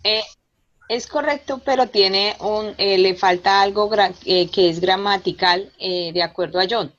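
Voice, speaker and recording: Estudiante dudando con muchos eh, audio opaco. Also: female voice, mid-range voice, a little slow, a bit bright, dull audio. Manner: hesitant, with many fillers. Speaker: student. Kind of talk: answering in class. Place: classroom.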